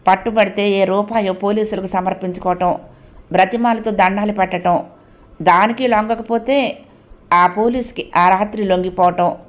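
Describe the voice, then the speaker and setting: A woman's voice: mid-range voice, fairly even intonation, moderate pace. Woman narrating an audio novel.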